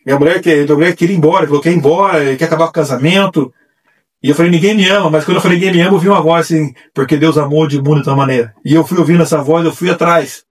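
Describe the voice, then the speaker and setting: Male evangelist guest with a husky voice, lively storytelling delivery, picked up by a distant mic. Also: on the high side, very fast. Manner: animated, acts out quoted voices. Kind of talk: testimony storytelling.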